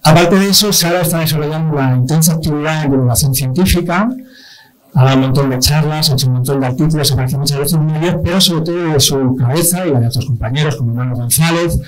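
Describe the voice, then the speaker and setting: A man moderating a science outreach event, telling a story in an animated way, acting out quoted dialogue and repeating words for emphasis. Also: a little high, fast, soft background music, rough recording. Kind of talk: live presentation, anecdotal storytelling.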